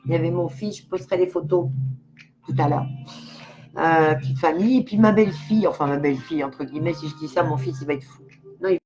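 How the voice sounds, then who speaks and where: A woman's voice: deep voice, quick pace, music in the background, low-quality recording. An older woman, a clairvoyant medium, chatting casually and giggling as she talks straight to the viewers of her live stream.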